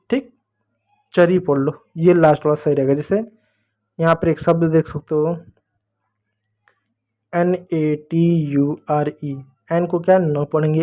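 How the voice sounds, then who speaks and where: A man's voice: on the high side, darkish tone. A man teaching English phonics to children, patiently repeating each step with questions. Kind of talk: blackboard phonics lesson for children.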